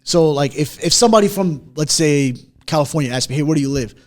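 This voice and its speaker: A man who grew up in Chicago, co-hosting a casual podcast chat, emphatic and quick, swearing freely. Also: a little high. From Chicago area. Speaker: podcast co-host.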